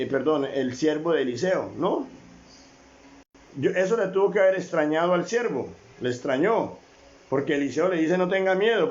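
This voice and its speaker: A man's voice: fairly high pitch, highs cut off. A man preaching a sermon as a pastor, often calling on his brothers, asking rhetorical questions and repeating phrases.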